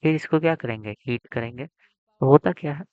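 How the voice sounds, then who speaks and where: A man's voice: medium pitch, moderate pace, dry recording. A man teaching a chemistry exam lesson. He asks his students questions, repeats them and supplies the answers himself. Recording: dry, dull lo-fi sound.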